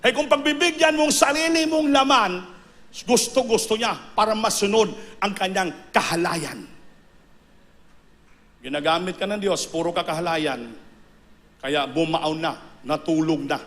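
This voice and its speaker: A male preacher delivering a sermon, emphatic and repetitive, breaking into sudden high bursts on key words. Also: measured pace, long pauses, fairly bright tone.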